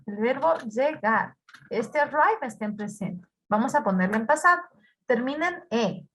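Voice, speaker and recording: A woman's voice: sits high, a bit bright, slightly rough. A woman with an Ecuadorian Spanish accent teaching English grammar to a class, patiently repeating words and asking her students questions. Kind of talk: online class explaining grammar.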